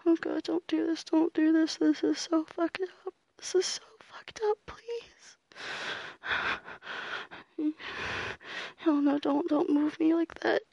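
A woman playing a sharp-tongued student, high and gravelly. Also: little pitch movement, moderate pace, few pauses, no room sound, dull audio. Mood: frightened pleading. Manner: profane, alternating defiance and pleading. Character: sharp-tongued young female student, mean streak. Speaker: voice actor. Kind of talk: audio roleplay acting.

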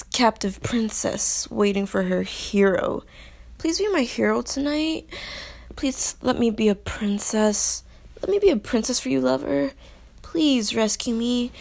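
Woman acting a coy, creaky-voiced young captive princess. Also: a little high, darkish tone. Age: young adult. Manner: breathy, coy, pleading, playful. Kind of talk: intimate audio role-play.

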